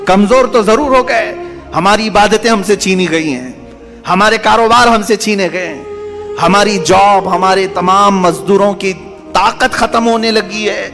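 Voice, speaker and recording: Male preacher, fairly high pitch, impassioned sermon delivery, reverberant hall with music behind. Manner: impassioned, rising to loud emphatic peaks. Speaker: Islamic preacher.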